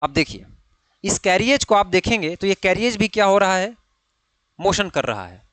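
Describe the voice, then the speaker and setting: Male lecturer, slightly high voice, dry close mic, repetitive question-and-answer teaching. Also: animated, moderate pace, a bit bright, dry recording. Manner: frequent checking tags, repeats key terms. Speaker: ITI fitter exam teacher. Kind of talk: online classroom lecture.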